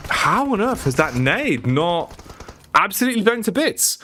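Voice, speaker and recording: A man giving live esports play-by-play commentary, quick and rising in pitch on big plays. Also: sing-song, sharp tone, slight background noise. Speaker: esports caster.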